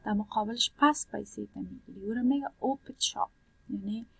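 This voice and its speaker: A woman's voice: medium pitch, creaky, a bit bright, breathy edge, no room sound, low-quality recording. A woman teaching a language lesson, patiently explaining a worksheet, repeating points and translating words one by one.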